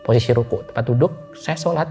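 A man's voice: mid-range voice, quick pace, darkish tone, soft background music. A man as a guest in a casual interview, telling a ghost story in loose, chatty speech with restarts, often addressing the listener directly.

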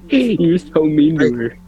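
A man's voice: on the high side, mellow, muffled recording. A young man hosting a casual podcast, teasing and joking with his co-host. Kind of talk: casual chat.

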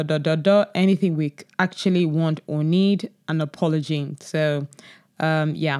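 A woman's voice: sits low, darkish tone. A woman hosting a talk show, casually reading audience replies aloud and adding chatty, ranting asides. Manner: chatty, drifts into rants and playful asides. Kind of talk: casual solo commentary reading chat replies.

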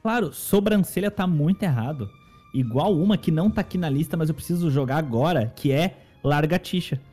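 Brazilian male co-host, joking and mock-indignant, dark mellow voice. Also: fairly high pitch, expressive, fairly quick, faint music behind. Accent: Brazilian Portuguese. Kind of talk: casual comedic chat.

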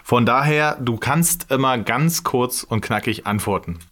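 A man hosting a casual interview, asking questions in a relaxed way with fillers. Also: medium pitch, measured pace. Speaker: interviewer, podcast host.

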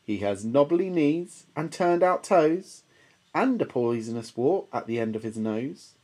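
A woman voicing a small, plucky, boastful mouse in a storybook, brisk and emphatic in a cheeky way. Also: very deep voice, lively intonation, warm tone, exaggerated voice. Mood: polite, cheeky.

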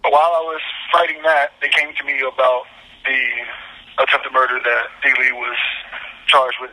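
A man on a prison phone line talks in a loose, halting way, filling pauses and restarting his sentences. His voice comes through sharp and very bright, with the tight, edgy tone of a phone call from inside. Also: medium pitch. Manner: halting, with many fillers and restarts. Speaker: incarcerated guest. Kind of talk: casual storytelling.

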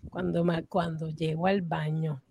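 A woman's voice: deep voice, measured pace, creaky, a little hiss or hum. A woman telling a childhood story on a podcast, acting out the voices she quotes. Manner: lively, acts out quoted voices. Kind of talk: casual storytelling chat.

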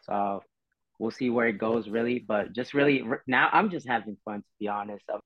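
Easygoing and rambling, a Filipino man in his twenties fills his casual podcast chat with plenty of fillers. He talks fairly quickly in a lowish voice, with no room sound, dull dry audio and faint music behind him.

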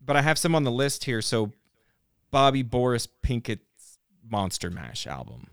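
A man hosting a podcast, talking in a loose, rambling way full of fillers and false starts. His voice is smooth and resonant. The sound is close and dry, with no room around it. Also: medium pitch, normal speed, no room sound. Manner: relaxed, rambling, with frequent fillers and restarts. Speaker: podcast host. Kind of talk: casual chat. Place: podcast studio.

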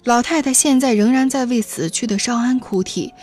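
A woman narrating a novel aloud in a steady storytelling manner. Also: a little high, normal speed. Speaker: audiobook reader.

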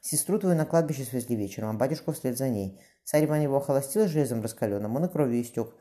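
A man's voice: medium pitch, expressive, fast, mellow, natural voice. A man reading a cowardly official's lines, gabbling and wheezing. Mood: begging. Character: cowardly middle-aged official, begging.

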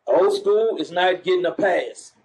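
A man's voice: sits high, a little slow, darkish tone, poor audio. A man preaching in the street, mocking churchgoers and calling for the next verse to be read. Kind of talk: street preaching with scripture reading.

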